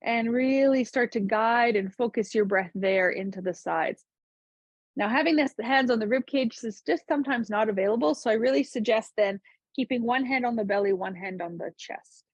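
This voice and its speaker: A woman teaching a seated yoga class, giving calm, gentle cues to breathe and move. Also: fairly high pitch, moderate pace, no room sound, lo-fi sound. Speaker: yoga instructor. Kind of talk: guided chair yoga instruction.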